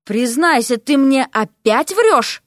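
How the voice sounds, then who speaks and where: A woman voicing a stubborn, sharp-tongued female frog who teases and demands answers. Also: high voice, animated, slow, dry recording, clean studio sound, voice pushed up. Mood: demanding. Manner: teasing, demanding.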